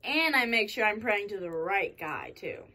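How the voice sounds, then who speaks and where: A woman playing a hyper, cocky, stunt-loving daredevil in a children's comedy skit, boasting excitably with swooping emphasis. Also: mid-range voice, moderate pace. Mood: earnest, confident.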